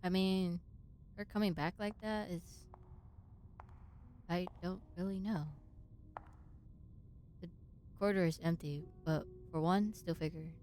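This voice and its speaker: A woman's voice: lowish voice, fairly even intonation, measured pace, pauses often, a little mellow, a little hiss or hum. A woman streaming a game, reading its text aloud and reacting casually.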